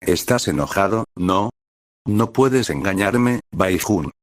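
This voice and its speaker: A man's voice: deep voice, lively intonation, slow, dry recording, clean studio sound. Man reading an earnest, coaxing young husband. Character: doting, teasing young husband.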